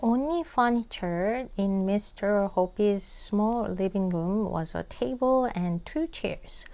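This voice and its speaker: A Korean-native woman teaching English reading, reading a storybook aloud slowly and carefully, then explaining it patiently. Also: mid-range voice, creaky, dark tone.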